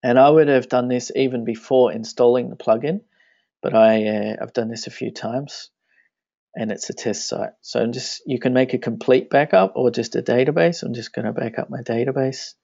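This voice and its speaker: Narrating each click of a software tutorial, a man with a mid-pitched, slightly gravelly voice talks casually in English, his second language after Danish. His intonation stays fairly even and his speed normal. The dry, dull recording has no room sound, just mouse clicks behind him as he thinks aloud in this screencast walkthrough.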